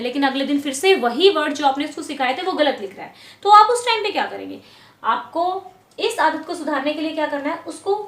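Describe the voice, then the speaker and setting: Woman teacher, high voice, patient explaining, slow repeated words, roomy echo. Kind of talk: explaining lesson to parents.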